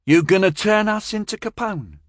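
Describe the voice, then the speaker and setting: A woman's voice: mid-range voice, lively intonation, moderate pace, no room sound, studio quality, voice pushed up, lightly acted. A male narrator voicing a blunt, slangy young woman aboard a starship.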